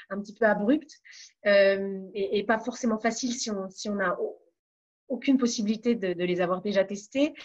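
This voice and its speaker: A woman from France giving calm advice as a webinar coach, pausing on fillers and restarting her phrases. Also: on the high side, husky, dull audio. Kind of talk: online webinar talk.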